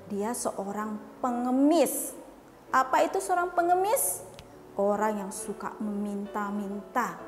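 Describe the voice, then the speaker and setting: A woman teaching Sunday school, telling a Bible story to children in a lively way and asking them questions. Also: mid-range voice, slow. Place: church hall. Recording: echoey church hall, faint music.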